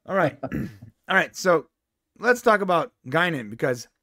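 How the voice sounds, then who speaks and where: A man's voice: a little high, expressive, measured pace, sharp tone, no echo, clean studio sound. A man co-hosting a casual review podcast, ranting in an exasperated, emphatic way from a home setup. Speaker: podcast co-host.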